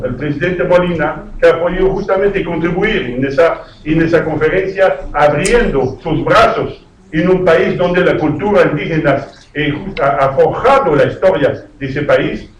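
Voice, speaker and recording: A man's voice: a little high, dull audio, slight background noise. A man speaking as a UN representative, giving a hesitant formal speech with many fillers and restarts. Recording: echoey hall, distant mic.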